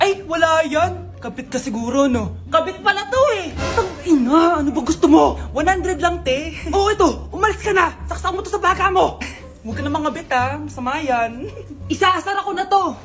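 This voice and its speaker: A woman with a very high voice performs comedy skits, playing several bickering parts with big, exaggerated reactions and sudden shouts. Faint music plays behind her. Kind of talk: comedic skit acting.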